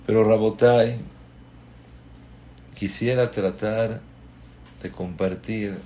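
A man's voice: fairly low pitch, fairly even intonation, slow, warm tone, a little hiss or hum. A man, a rabbi giving a Torah class as a sermon, impassioned and asking strings of rhetorical questions.

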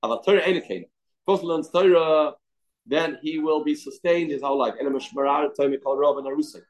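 A male teacher leads an informal religious class at a mid-range pitch. He alternates reading from a text with plain explanation, repeating himself and putting rhetorical questions as he goes. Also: fast talker, poor audio. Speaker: Torah teacher.

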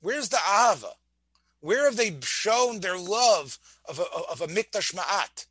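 A man's voice: high voice, animated, measured pace, fairly bright tone, breathy edge, no room sound. A man teaching a Torah class, often restarting words, asking his listeners questions and mixing Hebrew phrases into his English. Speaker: rabbi lecturer.

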